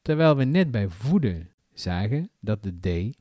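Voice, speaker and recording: A man from the south of the Netherlands with a southern Dutch accent, giving a clear, deliberate scripted lesson. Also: fairly low pitch, dry recording. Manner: clear, deliberate explanatory delivery with lively intonation. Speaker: language teacher. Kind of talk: scripted educational narration.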